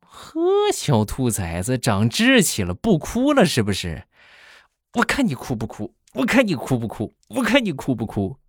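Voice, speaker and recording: Man putting on a shrill scolding mom, sarcastic, fierce, raised pitch, dry close sound. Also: huge pitch swings, brisk, vocal fry, few pauses, slightly rough, no room sound, exaggerated voice. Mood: mocking. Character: scolding middle-aged mother, fierce and sarcastic.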